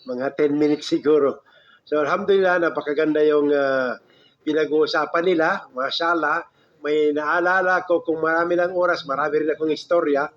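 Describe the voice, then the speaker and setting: A man with a high voice is giving a religious talk, telling a story with a lot of animation. His voice climbs even higher at the punchlines. The recording sounds dull and lo-fi. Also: normal speed. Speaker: preacher. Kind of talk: Islamic lecture with storytelling.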